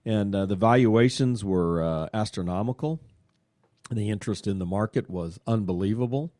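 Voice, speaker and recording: A man's voice: on the low side, moderate pace, no room sound, clean studio sound. Chatty man hosting a radio show. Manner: chatty, full of "uh" fillers, excitable. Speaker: radio show host and money manager. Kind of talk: casual radio talk.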